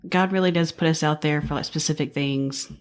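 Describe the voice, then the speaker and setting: A woman's voice: sits low, fairly quick. A woman in her thirties hosting a podcast interview, agreeing with her guest and laughing often. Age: 30s. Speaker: podcast host. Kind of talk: conversational interview.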